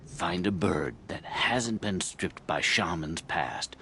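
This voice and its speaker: A very deep, gravelly mystic. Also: male voice, animated, pushed and bright, full character voice. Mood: cryptic, secretive. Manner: cryptic, halting, portentous. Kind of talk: video game character dialogue.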